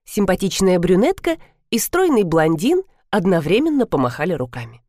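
A woman narrating a first-person novel in a wry, expressive way. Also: lowish voice, normal speed, dry recording, studio quality. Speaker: audiobook narrator.

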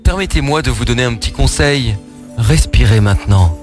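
A man voicing a calm, formal new-age man in a radio prank call, unflappably courteous. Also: medium pitch, normal speed, faint music behind, natural voice. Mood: serene.

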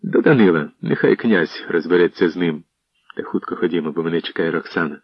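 A bold young warrior, played by a man talks in a low, gruff voice with blunt scorn. The sound is dull and lo-fi, as on an old radio broadcast. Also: fairly quick, dry recording.

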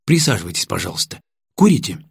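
A man voicing an authoritative security lieutenant who gives sharp orders. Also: fairly low pitch, sing-song, fast, gravelly, slightly rough, no echo, clean studio sound, full character voice. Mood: polite. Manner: commanding, then politely apologetic. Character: stern male security lieutenant, tense and authoritative.

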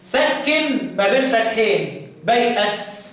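A man with an Egyptian Arabic accent teaching a recitation lesson. He quizzes his students often and recites verses slowly. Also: extremely high pitch, very animated, a bit bright. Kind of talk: classroom lesson with questions to students. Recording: very echoey room, mic far off.

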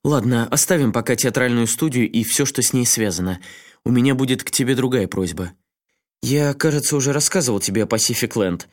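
A man's voice: mid-range voice, lively intonation, fairly quick, lightly acted. A man voicing a frantic male journalist who pleads with a friend in a raised, agitated voice. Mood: urgent.

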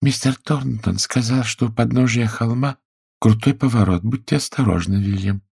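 A man voicing a fussy, worried fifty-year-old wife in an audiobook, with a creaky, husky raised voice. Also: normal speed, a little mellow, dry recording, clean studio sound. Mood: fretful. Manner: raised, sing-song pitch. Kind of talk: audiobook character voice.

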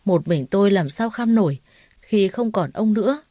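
A woman's voice: mid-range voice, animated, moderate pace, mellow, dry recording, clean studio sound, lightly acted. A woman voicing a spiteful, grieving older mother-in-law who wails and screeches accusations. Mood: wailing.

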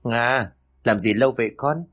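A man voicing a grieving middle-aged mother who calls out and wails in a high voice, read as part of a spoken story. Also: moderate pace, fairly bright tone, natural voice. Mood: worried.

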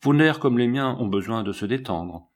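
A man voicing an irritable, nervous old scientist in an audiobook, husky and fussy in manner. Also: medium pitch, expressive, moderate pace, close to an everyday voice. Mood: explaining.

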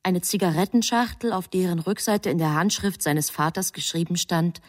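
An actress voices a composed female storyteller, delivering deliberate scripted narration in a literary radio play. Her pitch sits fairly low and the acting is light.

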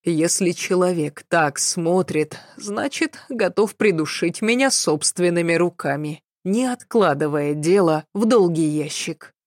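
A woman reading a first-person story as an audiobook narrator, in a measured, even storytelling delivery. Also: on the low side, dry recording, studio quality.

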